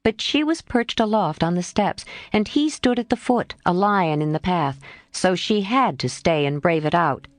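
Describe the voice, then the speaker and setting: A woman narrating a classic novel as an audiobook in an expressive storytelling manner. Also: fairly low pitch, normal speed, no room sound, clean studio sound. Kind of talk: scripted narration.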